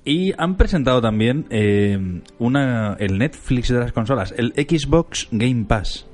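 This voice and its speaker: A man's voice: medium pitch, lively intonation, takes it slowly, over music. Hesitant, playful man. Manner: playful, hesitant, full of restarts. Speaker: podcast co-host. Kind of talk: casual chat.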